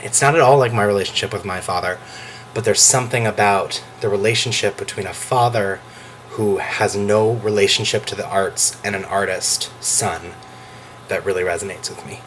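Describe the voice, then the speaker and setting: A man talking in an excited casual vlog, gushing and emotional, close to tears, with sudden jumps into a high voice. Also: normal speed, a little hiss or hum. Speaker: vlogger reviewing a show.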